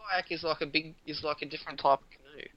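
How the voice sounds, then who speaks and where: A man's voice: fairly high pitch, steady tone, fast, muffled recording, crowd noise. A young Australian man in casual, laid-back chat, swearing freely as he banters.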